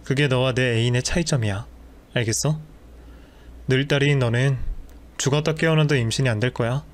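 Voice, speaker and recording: A man's voice: medium pitch, a little fast, natural voice. A man voicing a cruel, contemptuous husband who talks in a scornful, dismissive way.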